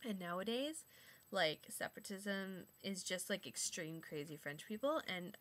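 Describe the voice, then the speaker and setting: A woman's voice: mid-range voice, lively intonation, a little slow, fairly bright tone. A young woman from Montreal, chatting casually to camera, full of fillers and sarcastic asides. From Montreal, Quebec. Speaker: vlogger.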